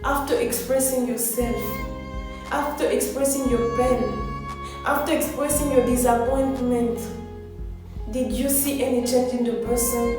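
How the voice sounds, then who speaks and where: A woman with a fairly high, steady voice delivers a motivational speech at an unhurried pace, earnestly exhorting and repeating phrases for emphasis. The sound is very echoey, from a distant mic, with music playing behind her.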